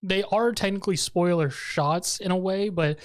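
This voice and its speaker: A man's voice: sits high, normal speed. A man co-hosting an anime podcast, chatting casually and agreeing in a laid-back way. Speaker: podcast co-host.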